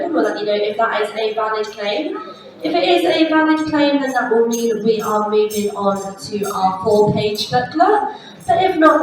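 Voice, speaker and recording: A woman with a mid-range voice hosts bingo in a large indoor holiday park venue, calling out live announcements to players. Her voice comes through a distant, echoey hall PA with music and background noise behind it.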